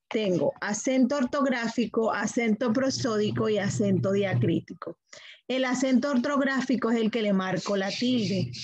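High-voiced woman teaching a class. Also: no echo, rough recording. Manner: didactic, asks questions then answers them herself. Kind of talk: classroom grammar lesson.

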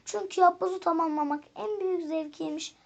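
High-voiced woman reading a fairy tale. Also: fairly quick, creaky. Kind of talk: storybook narration.

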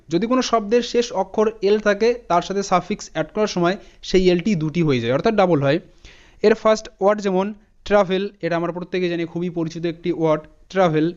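A man teaching an English spelling lesson, spelling words out letter by letter in a steady explaining manner. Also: high voice, smooth. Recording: dull lo-fi audio.

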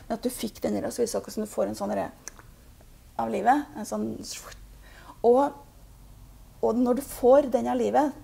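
Woman reader, gravelly and husky, dark tone, calm halting delivery for a spiritual reading. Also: on the high side. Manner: calm, halting, with many fillers. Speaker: intuitive reader.

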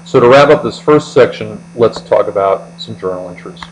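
A fairly low-pitched American man speaks at a normal speed, methodically guiding listeners through an accounting lecture as a tutor. The indoor voice-over sits over a screen recording, and the audio is poor with an ongoing mains hum.

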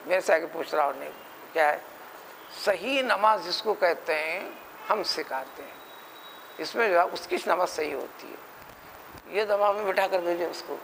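Man, Hyderabadi accent, religious lecture, high gravelly voice, rhetorical, faint background hiss. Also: measured pace, fairly bright tone, poor audio. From India. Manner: rhetorical, mimics others in quotes, emphatic questions. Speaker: Quran scholar.

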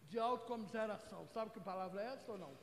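A woman's voice: mid-range voice, very fast, slight background noise. A Brazilian woman missionary preaching a Pentecostal sermon, speaking emphatically and asking the congregation direct questions. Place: church hall. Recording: echoey church hall with long reverb.

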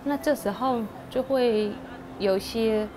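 A woman in her thirties from Cambodia, a university student, speaking softly and reflectively in a documentary interview. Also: on the high side. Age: 30s. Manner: soft, reflective, halting. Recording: clean documentary audio with music underneath. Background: soft background music.

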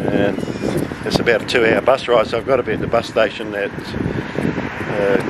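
A man in his fifties chatting casually and unhurriedly to a handheld camera as a travel vlogger. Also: mid-range voice. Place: outdoors on city streets and roadside. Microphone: handheld camera at arm's length. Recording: noisy outdoor audio with traffic and wind.

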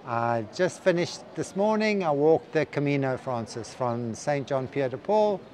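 A man in his sixties from South Africa, chatting in a relaxed, friendly way in a street interview. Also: on the high side, unhurried. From Durban, South Africa. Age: 60s. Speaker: pilgrim interviewee. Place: city street outdoors.

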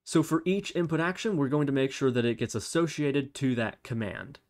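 A tutorial host with a mid-range male voice talks at a moderate pace, explaining each step as he works through it on screen and thinking aloud as he goes. Keyboard typing and mouse clicks come through clearly in the background.

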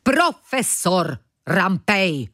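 A woman voicing a pompous, villainous male professor who is touchy about his title, shrill and contemptuous, for a children's audiobook. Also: lively intonation, a bit bright, dry recording, clean studio sound. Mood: shrill indignant. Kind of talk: audiobook character voice.

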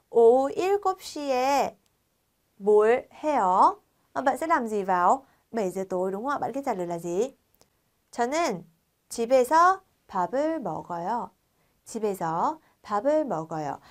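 A Vietnamese-accented woman runs a language lesson at a rapid clip. She talks in a lively, chatty way and keeps checking with her students. Her voice sits at an ordinary middle pitch. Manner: lively, chatty teacher asking frequent check questions. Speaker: Korean language teacher. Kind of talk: online lesson, explaining to students.

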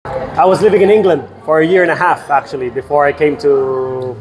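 A man from the Philippines, a real estate guest telling his story in a measured way with many fillers. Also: on the high side, fairly even intonation, poor audio.

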